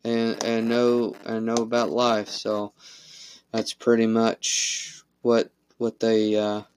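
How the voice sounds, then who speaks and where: Slow, rambling male interviewer. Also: fairly low pitch, poor audio. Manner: rambling, repeats words while he searches for a thought. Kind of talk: casual interview chat.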